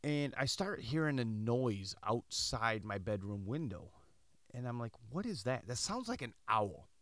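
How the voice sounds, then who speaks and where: A man's voice: medium pitch, unhurried, no echo. A middle-aged man from Michigan, hosting a podcast and telling a story in a casual monologue, acting out the dialogue. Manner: animated, acts out dialogue in quoted voices. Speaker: podcast host.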